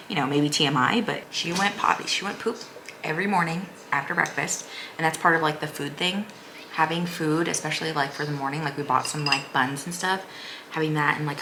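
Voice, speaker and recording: A woman's voice: sits low, background noise. A woman vlogger giving a casual, chatty recap in a rambling, informal way full of "like". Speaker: vlogger, mother of a young child.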